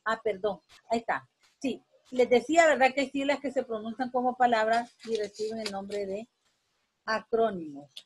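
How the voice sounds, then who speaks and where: A woman's voice: on the high side, moderate pace, slight background noise. A woman teacher giving a spoken grammar lesson, rambling with many restarts and a constant "right?" tag.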